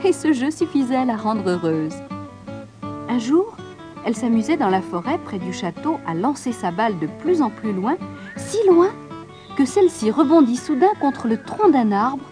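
Expressive sing-song woman storyteller. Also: high-pitched, normal speed, over music. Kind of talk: scripted fairy-tale narration.

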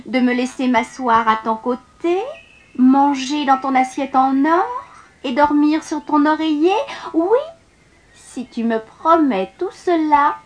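A woman voicing a raspy female frog who coaxes and insists on a promise, in slow drawn-out pleas. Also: high voice, noisy background.

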